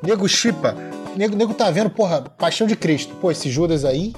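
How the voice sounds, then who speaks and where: A man's voice: sits high, animated, brisk, faint music behind. A man with a Brazilian accent co-hosting a casual podcast chat, blunt and swearing. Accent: Brazilian Portuguese. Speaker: podcast co-host.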